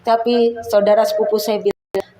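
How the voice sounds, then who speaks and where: A woman's voice: mid-range voice, little pitch movement, moderate pace, noisy background. Earnest woman giving a church testimony. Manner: earnest storytelling, acts out her prayers. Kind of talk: personal testimony.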